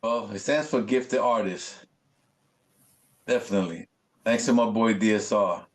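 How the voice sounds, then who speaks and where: A man, a graffiti artist, telling stories in a casual interview, animated and full of swearing and street slang. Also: fairly low pitch, unhurried.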